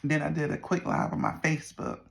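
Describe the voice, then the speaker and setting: A middle-aged person with a Southern US accent and a creaky voice, chatting casually to viewers in a folksy, meandering way. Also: mid-range voice, little pitch movement, fast talker, fairly bright tone. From Southern United States. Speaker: vlogger. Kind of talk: casual rambling check-in to viewers.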